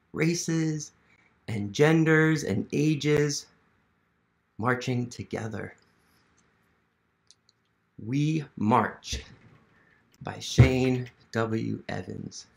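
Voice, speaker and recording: An American man in his thirties, a museum literacy educator, hosts a children's storytime read-aloud from a small living room at home, asking questions and encouraging the young listeners. His voice is mid-range and gravelly.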